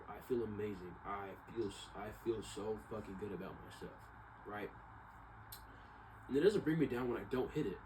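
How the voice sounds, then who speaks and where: A young male vlogger with a mid-range, darkish voice rambles casually in a slangy monologue, repeating himself and often checking in with "right?". The mic is distant and the background clearly noisy.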